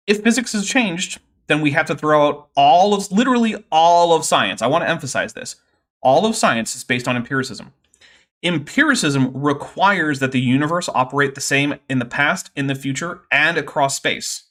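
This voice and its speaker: A man's voice: fairly high pitch, lively intonation, moderate pace, bright, forceful tone. Sardonic man riffing on a stream. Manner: sardonic, rambling with fillers. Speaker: streamer reacting to a debate. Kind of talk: casual commentary.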